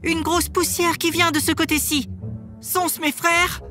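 Man playing a young sister on lookout, soft high falsetto, storybook reading. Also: little pitch movement, a little slow, soft background music, full character voice. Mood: watchful. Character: young sister keeping watch from a tower.

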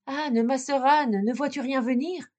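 A woman voicing a frightened young wife, pleading in high, slow, drawn-out calls in a storybook reading. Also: fairly even intonation, darkish tone.

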